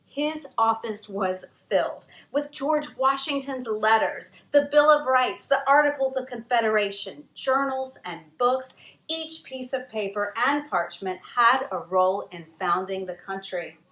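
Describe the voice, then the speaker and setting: An author reads her own children's history book aloud in an expressive storytime style, using dramatic pauses and lively emphasis. Her voice is bright and slightly higher than average, and the room echoes noticeably.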